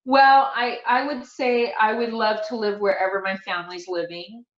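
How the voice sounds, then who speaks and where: As an interview guest, a middle-aged woman tells personal stories earnestly and devoutly in a casual setting. She speaks a little high, at a moderate pace with fairly even intonation; the audio is dull and roomy.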